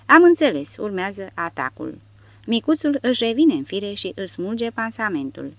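A woman narrating an audiobook in a dramatic, expressive reading style. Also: mid-range voice, dry recording. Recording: dull dry recording.

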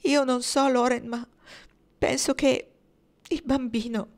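A tearful, anxious older woman pours out her worry in a trembling, urgent rush, as a woman reading a novel aloud voices her. The voice sits fairly high, and the words tumble out in a confiding way. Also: steady tone, brisk, lightly acted.

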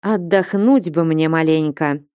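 A shy, downcast young village man from a storybook mutters his answers low and reluctantly, as a woman reader drops her voice for him. He sighs and holds back. The sound is close and dry. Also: unhurried, mellow, smooth, no room sound. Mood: glum.

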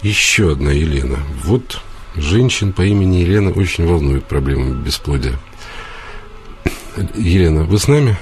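A man's voice: sits low, lively intonation, moderate pace, soft background music. A man hosting a radio call-in show, lecturing earnestly and emphatically, with hesitations. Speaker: radio host, psychologist.

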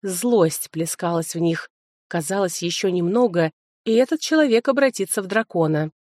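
Woman narrator, low voice, expressive first-person reading, dry close sound. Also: normal speed, dry recording. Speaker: audiobook narrator.

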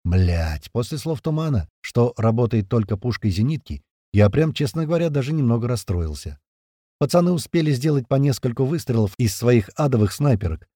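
A man's voice: mid-range voice, sing-song, fairly quick, mellow, dry recording. A man narrating a first-person audiobook in a conversational tone with casual swearing, close to the mic.

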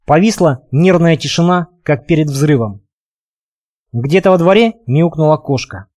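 Male audiobook reader, dramatic, lively delivery, high-ish voice. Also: a little slow, no room sound, studio quality. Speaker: audiobook narrator.

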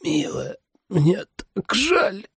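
A man's voice: high voice, wildly swooping pitch, very slow, creaky, a bit bright, slightly rough, dry recording, studio quality, pitched above the performer's own voice, full character voice. Man voicing a dying father's faint whisper. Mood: anguished. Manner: faint broken whispering, tearful. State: weak and fading. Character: dying middle-aged father, weak and remorseful.

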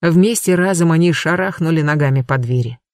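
An audiobook narrator reading a thriller with steady, dramatic scripted narration. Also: medium pitch, brisk, dry recording, studio quality.

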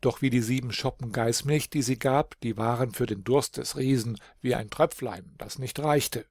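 A man reading a fairy tale aloud as an audiobook narrator, in a calm, measured storytelling manner. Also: mid-range voice, no echo, clean studio sound. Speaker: audiobook reader.

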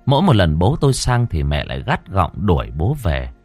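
Low-voiced male storyteller, dramatic. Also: normal speed, soft background music. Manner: expressive, dramatic. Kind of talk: audiobook story narration.

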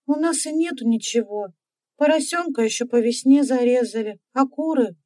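Woman doing a serious little girl, earnest, a bit higher, dry sound. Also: moderate pace, mellow, no echo, natural voice.

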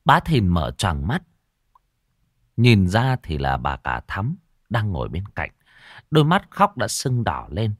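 A man narrating a ghost story in an expressive, dramatic way, dropping to hushes and rising again. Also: fairly low pitch, slow, long pauses, no room sound, studio quality. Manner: expressive, swinging between hushed and loud.

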